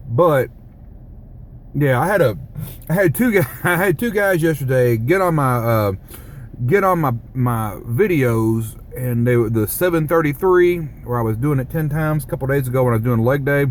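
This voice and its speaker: A man rambling through a casual vlog, joking and swearing freely. His pitch is mid-range for a man, and a faint vehicle hum sits under his voice. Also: lively intonation, moderate pace. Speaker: vlogger. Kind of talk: casual profane monologue.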